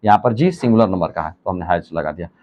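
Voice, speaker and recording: A man teaching English grammar, slowly dictating and repeating example sentences word by word. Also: low-pitched, animated, a little mellow. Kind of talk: classroom grammar lesson.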